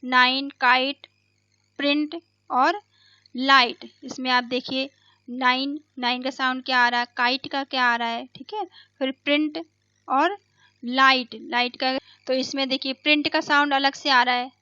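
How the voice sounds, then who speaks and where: Woman teacher, high voice, dry muffled sound, keeps repeating words slow for kids. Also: fairly even intonation, sharp tone, no echo. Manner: slow explanatory, repeats words, asks and answers own questions. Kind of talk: bilingual classroom lesson.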